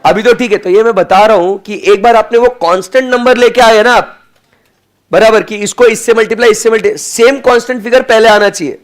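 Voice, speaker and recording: A man's voice: high voice, a little fast. A young adult male teacher giving a classroom lecture, joking and playful, mixing Hindi with English.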